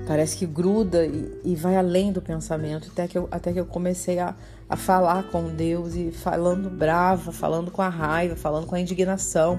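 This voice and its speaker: Middle-aged woman, spiritual guide, low mellow voice, gentle and personal, faint guitar behind. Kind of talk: guided spiritual talk and meditation. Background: soft guitar music.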